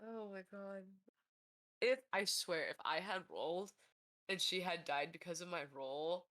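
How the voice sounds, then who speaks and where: Expressive woman acting out reactions. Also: fairly low pitch, unhurried. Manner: expressive, acts out reactions, giggly. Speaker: tabletop game player. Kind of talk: casual post-session chat.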